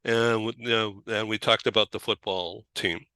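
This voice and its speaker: A man's voice: fairly low pitch, steady tone, moderate pace, pushed and bright, dry recording. An American man hosting a talk show, chatting casually with many fillers and restarts. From United States. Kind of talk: casual interview chat.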